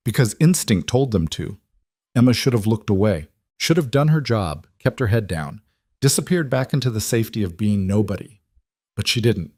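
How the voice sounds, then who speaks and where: Deep-voiced man narrating dramatic romance. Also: a little mellow, no room sound, clean studio sound. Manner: measured, dramatic storytelling. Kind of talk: scripted narration.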